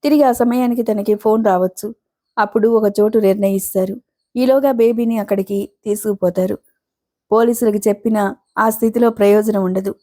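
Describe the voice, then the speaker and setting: A woman reading a novel aloud as an audiobook, in a steady storytelling voice. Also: medium pitch, normal speed. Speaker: audiobook narrator.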